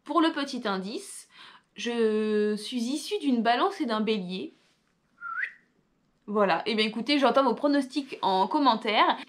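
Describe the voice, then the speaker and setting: A woman's voice: on the high side, animated, measured pace. A young woman, reading quiz questions aloud and answering with offhand asides in a casual vlog. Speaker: vlogger.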